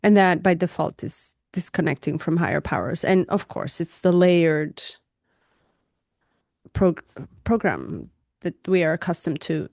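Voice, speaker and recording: A woman co-hosting a reflective spiritual podcast, speaking English as a second language, passionate and animated, laughing often. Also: on the low side, measured pace, vocal fry, no room sound, studio quality. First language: not English. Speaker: podcast co-host. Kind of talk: casual reflective conversation.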